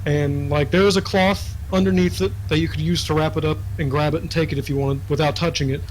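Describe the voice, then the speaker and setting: A man's voice: fairly high pitch, steady tone, quick pace, a little hiss or hum, rough recording. A young man narrating as dungeon master in a casual, rambling way full of fillers. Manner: casual, filler-heavy storytelling. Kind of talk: narrating a tabletop game.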